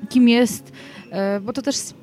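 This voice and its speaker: A woman's voice: fairly high pitch, fairly even intonation, measured pace, darkish tone, faint music behind. A woman hosting a conversation, speaking thoughtfully and hesitantly with frequent restarts. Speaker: host. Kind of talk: conversational interview.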